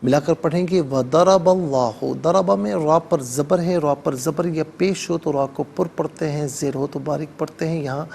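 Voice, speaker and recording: A man teaching Quran recitation on television in Urdu-accented speech, explaining each word methodically and chanting verses slowly. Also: a little high, vocal fry, a little mellow, slight background noise. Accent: Pakistani Urdu. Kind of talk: televised tajweed lesson with slow chanted recitation.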